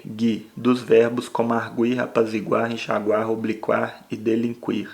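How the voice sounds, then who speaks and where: Flat gravelly male grammar teacher. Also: medium pitch. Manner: explains slowly with frequent "né?". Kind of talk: grammar lesson.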